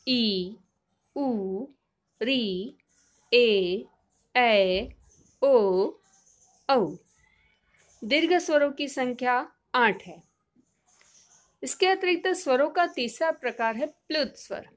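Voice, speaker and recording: A middle-aged woman teacher giving a patient lesson, repeating key points and drawing out sounds as examples. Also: high voice. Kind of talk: classroom lesson explanation.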